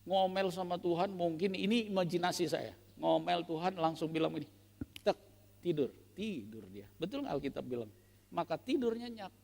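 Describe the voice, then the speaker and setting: A man preaching a sermon as pastor, playful and animated, asking the congregation rhetorical questions. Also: a little high, fairly quick, gravelly, big-room sound. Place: church.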